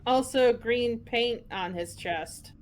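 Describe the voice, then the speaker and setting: A woman with a fairly high voice chats casually as a co-commentator on a game stream. She talks at an unhurried pace and has a joking manner. Noise is audible behind her. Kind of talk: casual chat. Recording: clear background noise.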